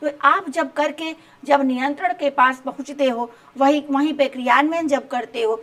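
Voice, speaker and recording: High-voiced woman teaching a class. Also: moderate pace, a bit bright. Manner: repeats rhetorical questions, checks understanding. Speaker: home science teacher. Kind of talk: exam-prep lecture.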